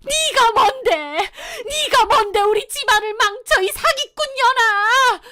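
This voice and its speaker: A woman voicing a furious older mother-in-law in a storybook drama, yelling accusations in a shrill voice. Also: animated, unhurried, heavily acted. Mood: screaming rage. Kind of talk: storybook dialogue.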